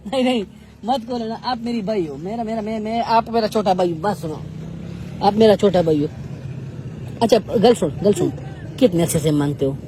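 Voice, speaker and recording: A man's voice: high-pitched, moderate pace, mellow, a little hiss or hum. A man, coaxing and pleading in a mock-tearful street confrontation. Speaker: street interviewer.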